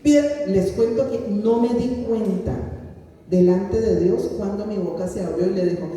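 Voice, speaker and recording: A woman's voice: medium pitch, unhurried, dark tone. A woman guest pastor preaching a sermon and telling a personal testimony, acting out the voices of the people in her story. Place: church hall. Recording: echoey hall from far off.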